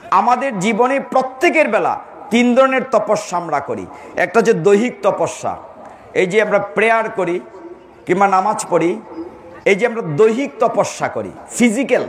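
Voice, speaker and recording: A man giving a devotional sermon, telling stories, asking his listeners questions and acting out quoted lines. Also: high-pitched. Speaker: preacher.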